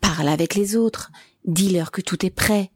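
A woman's voice: mid-range voice, moderate pace, breathy edge, close to an everyday voice. Vessovtchikov, a woman doing a fervent young man. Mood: eager urgent. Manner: excited, insistent. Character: eager pockmarked young man, fervent plotter.

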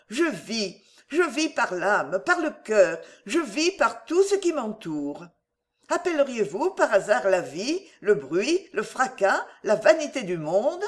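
A woman voicing Clémence, a dignified, earnest young woman. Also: on the high side. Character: gentle, sincere young woman who loves calm. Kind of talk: audiobook character reading.

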